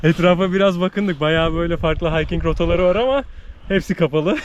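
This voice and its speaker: A man's voice: on the high side, fairly quick. A man chatting casually and jokily to his companion as he hosts an outdoor hiking vlog. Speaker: vlogger filming a hike. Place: outdoors on an Alpine hiking trail. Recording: noisy outdoor recording with ambience.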